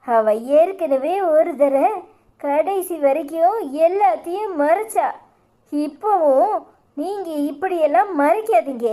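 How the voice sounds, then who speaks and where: A woman's voice: very high voice, slow, warm tone. A woman voicing an angry middle-aged mother-in-law in a cartoon, scolding and accusing with a Tirunelveli Tamil accent. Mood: furious.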